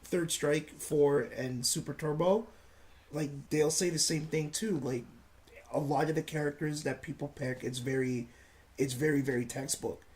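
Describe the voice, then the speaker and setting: A man's voice: fairly high pitch, normal speed, a little mellow. A man co-hosting a casual podcast, rambling with lots of filler words. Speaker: podcast co-host. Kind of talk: casual gaming chat.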